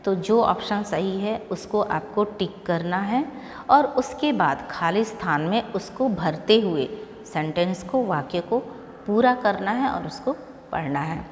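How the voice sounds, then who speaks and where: A woman teacher giving a slow, patient classroom explanation. She asks questions and then answers them herself. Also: mid-range voice, lively intonation, long reverb tail, slight background noise.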